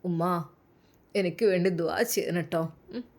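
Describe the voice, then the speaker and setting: Woman doing a young guy cleric, gentle and sad, soft pleading voice, malabar malayalam accent, storybook. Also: lowish voice, normal speed, vocal fry.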